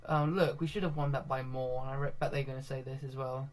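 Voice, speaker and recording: A young man commentating live on his own football management game, getting excitable when goals come and laughing at himself. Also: medium pitch, quick pace. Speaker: gaming video host.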